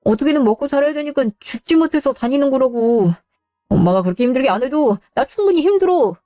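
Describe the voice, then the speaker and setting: A woman's voice: high-pitched, expressive, fast, warm tone, no room sound, studio quality. A woman voicing a grown son in a radio drama, an overworked civil servant who complains in a whiny, defensive way. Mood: whining.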